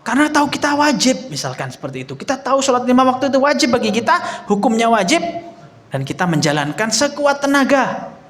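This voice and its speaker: A man's voice: extremely high pitch, fast. A young man preaching a casual sermon, telling stories animatedly and acting out the people in them. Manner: animated storytelling, acts out quoted voices, addresses audience as Pak.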